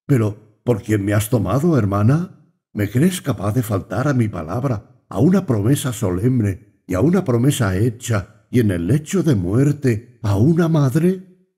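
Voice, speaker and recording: A man reading the lines of an earnest, doubting young brother in an audiobook, reasoning slowly. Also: mid-range voice, big pitch swings, warm tone, husky.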